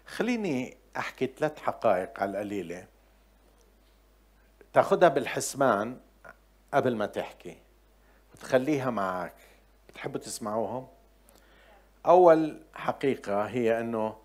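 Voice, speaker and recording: A middle-aged man with a Levantine Arabic accent preaching a sermon, telling chatty personal anecdotes and swinging from quiet asides to loud, emphatic points. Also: medium pitch.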